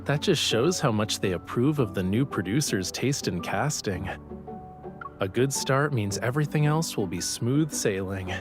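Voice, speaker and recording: A man's voice: medium pitch, animated, normal speed, over music, natural voice. Rafayel, teasing young sea god played by a man. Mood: playful. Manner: playful, teasing. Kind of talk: romantic game voice acting.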